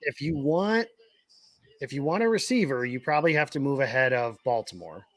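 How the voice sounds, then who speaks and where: A man co-hosting a casual live draft stream, breaking down picks in a relaxed, informed way. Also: mid-range voice, brisk, no room sound, clean studio sound. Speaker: co-host.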